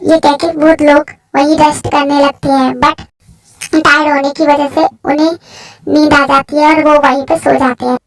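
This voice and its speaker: A woman's voice: high-pitched, little pitch movement, moderate pace, noisy background. A woman narrating a fan story in a plain, matter-of-fact way.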